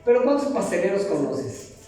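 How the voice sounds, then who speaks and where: A man's voice: high-pitched, sing-song, normal speed, dark tone, far from the mic. A middle-aged man preaching a sermon in a church, joking and asking the congregation questions. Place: church hall. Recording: echoey hall, mic from afar.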